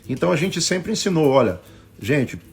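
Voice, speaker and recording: A man with a Brazilian Portuguese accent, a bishop preaching a sermon on a live stream, telling stories and acting out the voices in them, swinging between loud bursts and hushed asides. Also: on the high side, very animated, normal speed, vocal fry, husky, soft background music. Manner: acts out quoted voices in his stories.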